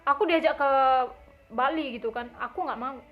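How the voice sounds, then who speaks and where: A woman's voice: high-pitched, normal speed. A young woman telling a personal story in a casual vlog, acting out quoted lines with a raised voice. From Indonesia. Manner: lively, acts out quotes with raised voice. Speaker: vlogger. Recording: dull lo-fi recording.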